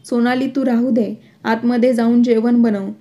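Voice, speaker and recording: A caring middle-aged mother, soothing and indulgent, as a woman reads her. Fairly high, even and mellow, in a narrated storybook. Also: normal speed, natural voice.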